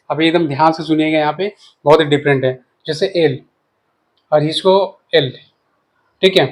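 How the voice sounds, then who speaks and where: Man patiently teaching spelling, repeating himself. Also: on the high side. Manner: patient, repetitive, checks in with listeners often; explains while writing. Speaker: English teacher. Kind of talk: casual spoken lesson.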